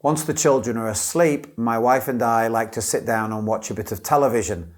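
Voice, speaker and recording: A man speaks in a clear, careful, measured way. He teaches English and gives scripted model answers as a candidate in a mock test. His voice sits at a middle pitch.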